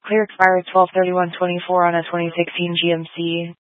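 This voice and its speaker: Male police dispatcher heard over a walkie-talkie, raised pitch, flat rapid delivery, tinny dry radio sound. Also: no echo. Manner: clipped, monotone radio procedure.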